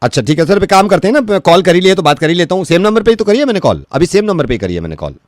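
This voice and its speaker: Male RJ, prank-call bit, quick and lively delivery, fairly high voice, dry studio sound. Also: no room sound. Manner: feigns confusion, repeats himself, then rants loudly. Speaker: radio jockey making prank calls.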